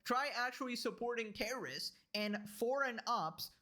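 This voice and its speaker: Bright-voiced man mocking in reaction commentary. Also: very high-pitched, lively intonation, normal speed. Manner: mocking, sarcastic, keeps adding "right?". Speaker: reaction channel host.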